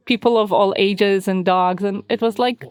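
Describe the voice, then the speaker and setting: A woman in her thirties with an Israeli accent, speaking English as a second language in a casual interview, often pausing on "like" and other fillers. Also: mid-range voice, steady tone, a little mellow, smooth. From Israel, born in Russia. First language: Hebrew. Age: 30s. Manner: hesitant, many "like" fillers. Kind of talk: casual conversation. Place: hotel bomb shelter.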